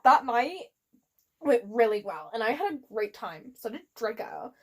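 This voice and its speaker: A woman with a fairly high, sing-song voice that's a little slow and slightly rough gives a comic dramatic reading of fan fiction. She is theatrical and giggly, and she keeps breaking up as she reads.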